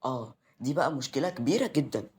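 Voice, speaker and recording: ممثل يؤدي شابة ماكرة ولحوحة بلهجة مصرية. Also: male voice, mid-range voice, animated, fast talker, close to an everyday voice. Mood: pushy. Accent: Egyptian. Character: scheming young woman, pushy and sly.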